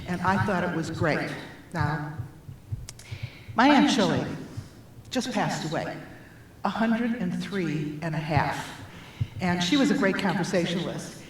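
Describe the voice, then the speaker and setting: An older woman in her seventies tells personal stories with humor and punchlines. Her voice carries in a very echoey church hall, picked up from a distance with faint background noise. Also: fairly low pitch. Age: 70s. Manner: humorous, lively storyteller with punchlines. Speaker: guest speaker, life coach. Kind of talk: personal storytelling talk. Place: church sanctuary.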